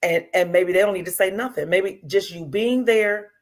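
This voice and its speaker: A woman in her fifties chats casually as a guest, repeating herself for emphasis. Her voice is mid-range and her pace normal.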